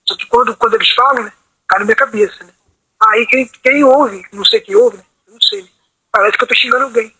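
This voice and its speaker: This meeting participant's voice is extremely high, bright, and forceful, with a breathy edge, and he speaks quickly. Over a low-quality video call recording, he wanders through a lengthy account of his own life, asking "entendeu?" constantly.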